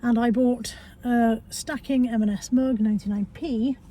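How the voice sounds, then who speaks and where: In a vlog filmed in her car, a British woman with a fairly high, steady voice talks at a normal speed in British English. She sounds congested because she's coming down with a cold, and she often adds tag questions to what she says. Background noise is present.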